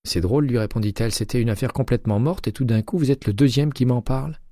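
A male audiobook reader voicing a guarded female police detective, raising his voice for her brisk, clipped phone talk. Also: medium pitch, dark tone, no echo, clean studio sound, voice pushed up, close to an everyday voice.

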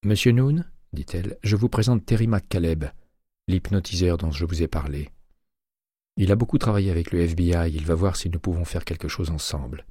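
A man's voice: sits low, brisk, mellow, slightly rough, no room sound, clean studio sound. A man voicing a practical female police detective who talks bluntly and matter-of-factly.

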